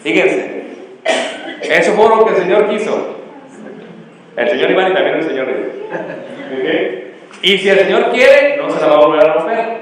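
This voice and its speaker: A man's voice: sits high, animated, moderate pace, long pauses, a little hiss or hum. A middle-aged man preaching a storytelling sermon and quizzing the congregation with fill-in questions. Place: church hall. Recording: echoey hall with long reverb.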